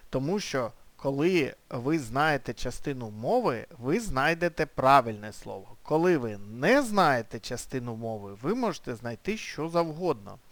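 A man's voice: mid-range voice, no echo. Man explaining, dry close sound. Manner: explanatory, walks through examples step by step with fillers. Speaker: English teacher. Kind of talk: screen-share language lesson.

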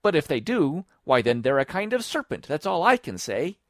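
A man voicing a frantic, indignant mother pigeon in a storybook, shrill, screechy and accusing. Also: big pitch swings, moderate pace, no echo, clean studio sound. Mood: scornful. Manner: accusing, contemptuous. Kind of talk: storybook character voice.

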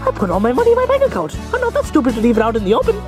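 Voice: mid-range voice, wildly swooping pitch, racing, music in the background. A performer voicing a small, mischievous male leprechaun with a lilt, taunting and sly, in an amateur puppet skit. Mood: smug. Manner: leprechaun lilt, crowing old-fashioned Irish phrases.

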